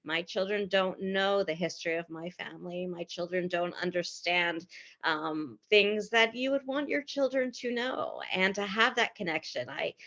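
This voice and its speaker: A woman from Philadelphia speaking as a panelist on a webinar, reflective and thinking aloud with frequent pauses. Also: fairly low pitch, a bit bright, lo-fi sound. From Philadelphia, United States. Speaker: panelist, researcher. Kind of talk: conversational webinar discussion. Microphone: video call.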